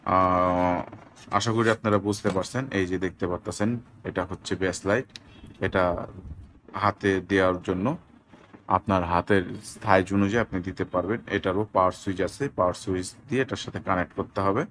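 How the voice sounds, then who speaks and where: A man from Bangladesh selling drones, giving a slow, deliberate product demo with a lot of repetition. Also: low voice, fairly even intonation, fairly bright tone, a little hiss or hum. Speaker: drone seller.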